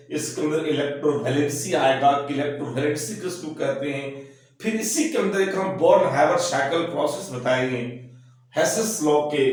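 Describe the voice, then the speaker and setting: Hoarse, slow-talking male chemistry teacher. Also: on the high side. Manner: slow, repetitive explaining, mixing English terms. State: hoarse from a cold. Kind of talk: recorded class lecture. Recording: very echoey, far-off mic.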